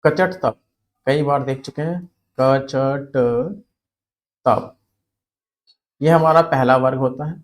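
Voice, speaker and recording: A man's voice: mid-range voice, fairly even intonation, takes it slowly, pauses often. A man teaching a spelling and grammar lesson for exam students, explaining step by step and repeating words for emphasis.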